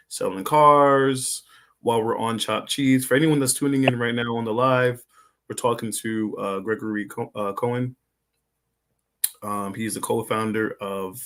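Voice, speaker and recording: A man hosting a live podcast interview, laid-back and friendly with viewers. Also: medium pitch. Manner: laid-back, shouts out listeners. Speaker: podcast host. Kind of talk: casual livestream interview.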